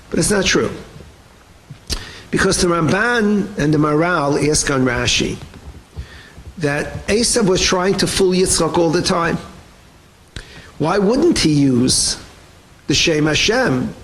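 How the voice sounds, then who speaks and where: A man teaching a Torah class, animated and acting out quoted voices, with Hebrew terms mixed into his English. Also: high-pitched, low-quality recording. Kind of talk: lively Torah shiur.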